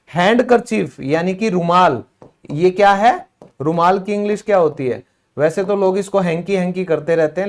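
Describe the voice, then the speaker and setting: A man's voice: sits high, a little mellow. A man teaching an English pronunciation lesson, often asking rhetorical questions and repeating words for practice.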